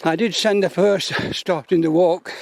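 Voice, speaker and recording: A man, out of breath, rambling slowly with many pauses while filming his walk on a quiet mountain path. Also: high-pitched, steady tone, gravelly, no echo. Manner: slow, rambling, many uhs. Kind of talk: casual walking vlog.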